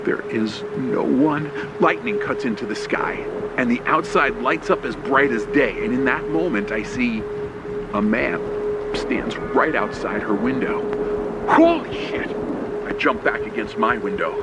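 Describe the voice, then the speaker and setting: A medium-pitched man at a moderate pace recounts a horror story in the first person, old-radio-play style, with tense, suspenseful, short clipped phrasing. Heavy background noise comes from loud rain, thunder, storm and vehicle engine sound effects.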